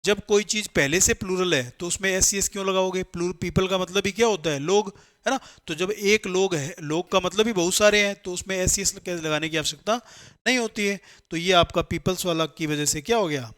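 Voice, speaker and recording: A man's voice: high-pitched, brisk, a bit bright. Male teacher lecturing step by step. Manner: explains step by step, asks and answers his own questions; mixes Hindi with English terms. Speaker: English teacher for competitive exams. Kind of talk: classroom lecture.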